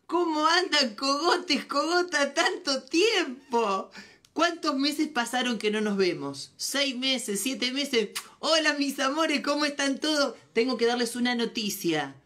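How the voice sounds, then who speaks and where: High-voiced playful Argentine woman. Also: expressive, measured pace, a bit bright. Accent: Argentine Spanish. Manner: playful, teasing, answering viewer comments. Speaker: comedian hosting a live stream. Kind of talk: casual live-stream chat.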